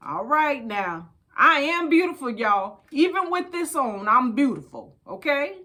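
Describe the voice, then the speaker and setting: An older American woman hosts storytime, chatting casually and reading aloud from a book in a high voice with big pitch swings. She is unhurried, bright and forceful, folksy and emphatic, calling her listeners babies and repeating phrases for emphasis.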